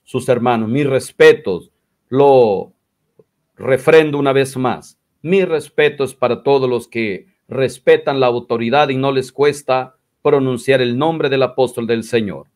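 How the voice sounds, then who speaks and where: A man's voice: mid-range voice, measured pace, a little mellow. A man giving combative, mocking commentary in a religious dispute. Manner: combative, mocking, quotes others in exaggerated voices. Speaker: commentator replying to critics.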